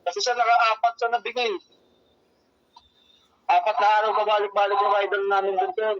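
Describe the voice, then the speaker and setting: Heard through a telephone with muffled, dry, lo-fi quality, a high-pitched man with a Filipino accent takes the role of a courier customer-service rep. His tone is level and slightly bright, his pace moderate. He explains things deferentially and repetitively, frequently addressing the caller politely.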